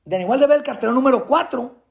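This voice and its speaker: A Mexican man with a high, heavily gravelly voice tells his story in a lively way. He slips into the voices of the people in it as he goes. He sounds middle-aged and speaks like a guest on a talk show. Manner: acts out dialogue with quick voice changes. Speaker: guest, retired boxer. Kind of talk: animated storytelling.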